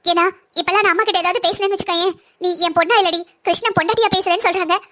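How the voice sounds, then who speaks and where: A woman's voice: extremely high pitch, fairly even intonation, very fast, bright, forceful tone. A woman voicing a young wife and mother, a doctor, in a family cartoon drama, pleading yet defiant. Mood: earnest.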